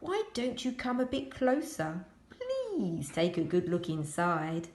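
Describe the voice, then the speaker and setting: A woman's voice: on the low side, big pitch swings, slow, a little hiss or hum. Woman playing a sly coaxing shark, echoey room. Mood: sly menace. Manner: coaxing, menacing. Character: sly, grinning, menacing shark luring prey.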